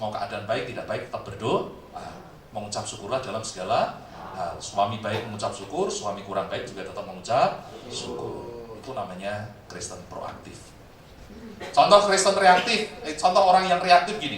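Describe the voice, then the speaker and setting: A man preaching a sermon in a church, telling jokes and stories as he addresses the congregation. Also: mid-range voice. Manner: animated, joking storyteller addressing the congregation. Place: church service hall. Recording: very echoey hall, distant mic, faint noise.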